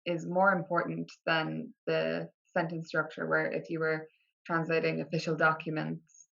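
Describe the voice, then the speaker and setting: A woman with an Irish accent chatting informally as an interview guest, often softening what she says with "kinda" and "like". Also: low-pitched, monotone, normal speed, vocal fry, highs cut off. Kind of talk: casual interview conversation.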